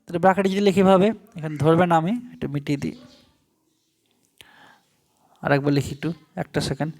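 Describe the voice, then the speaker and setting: A man from Bangladesh teaching Arabic grammar in Bengali in an online lesson, explaining step by step and slowly spelling out Arabic terms. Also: fairly high pitch, darkish tone.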